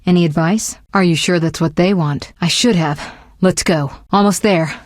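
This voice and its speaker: A woman voices a composed sorceress for a fantasy video game, speaking fairly low with very little room sound. She comes across as articulate and measured, caring yet resolute, sharp-witted and earnest. The recording is dry and studio quality, and the acting is light.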